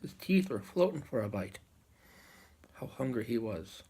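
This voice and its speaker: A man telling a folk tale aloud as a live storyteller, unhurried, with dramatic pauses and repeated phrases. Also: mid-range voice, sing-song, mellow, breathy edge.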